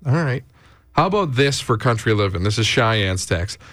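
A Canadian man hosting a radio morning show, upbeat and playfully teasing, with lively contest promo delivery. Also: on the low side, normal speed. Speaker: radio host. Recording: music playing behind the voice. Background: music.

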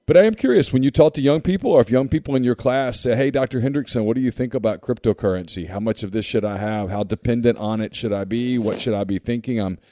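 Rambling, animated man host. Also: medium pitch, fast talker, few pauses. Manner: rambling, repeats words when excited. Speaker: podcast host. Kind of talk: casual interview chat.

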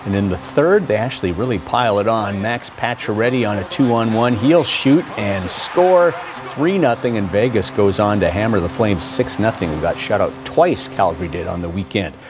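A man anchoring sports news, reading highlights in a commentator's style. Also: moderate pace, background noise.

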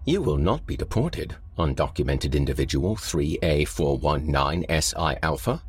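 A man voicing a calm, polite artificial facility voice that soothes a prisoner in an even, machine-like manner. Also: very deep voice, moderate pace, husky, heavily acted. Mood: soothing. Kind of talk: storybook horror narration.

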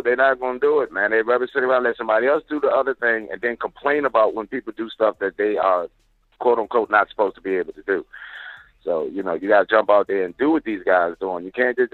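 A man calling in over the phone to a talk show, sharing boxing opinions in a relaxed, repetitive way. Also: medium pitch, creaky, no echo. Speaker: call-in caller. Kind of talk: casual boxing opinion call. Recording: dry tinny phone line.

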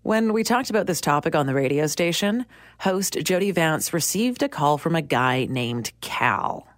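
A woman's voice: deep voice, animated, normal speed, dry recording, studio quality. A woman hosting a show with scripted presenter narration. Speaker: show host.

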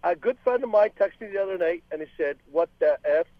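A man's voice: high voice, lively intonation, quick pace, no room sound. A man from Lebanon calling in to a radio talk show, earnest and talking over the host. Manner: earnest, talks over the host, many restarts. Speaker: caller. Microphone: phone line. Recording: dull phone line.

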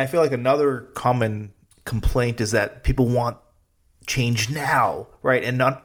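A male podcast host asks his guest questions in a relaxed, conversational way. His voice carries a gravelly fry, and he repeats words as he gets his questions out. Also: mid-range voice. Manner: hesitant, repeats words while asking questions. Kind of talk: casual interview chat.

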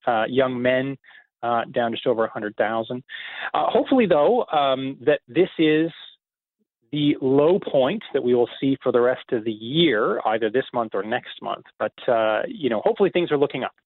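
A man, an economist guest, answering radio interview questions in a measured, explanatory way with many filler pauses. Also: mid-range voice, animated, no echo. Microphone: phone call. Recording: tinny phone line.

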